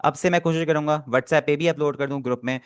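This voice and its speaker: A man's voice: on the high side, steady tone, fast, clear, resonant tone, dry recording, studio quality. A man teaching an online class, explaining step by step and often checking that students follow. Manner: explains patiently, often asks "theek hai?" to check.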